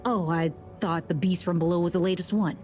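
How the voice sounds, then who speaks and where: A woman plays a curious, mischievous schoolboy explorer in a video game. The kid is casual and cheeky, a little world-weary and conspiratorial. Music plays clearly behind the voice. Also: lowish voice, steady tone, brisk, darkish tone, natural voice. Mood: curious, chatty. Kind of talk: video game character dialogue.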